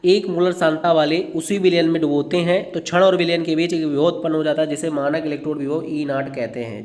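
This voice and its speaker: A man teaching a chemistry lesson, dictating answers and repeating phrases slowly so students can write them down. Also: a little high, a little mellow. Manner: repeats phrases slowly for note-taking, addresses students as children. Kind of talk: classroom lecture dictating answers. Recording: echoey room.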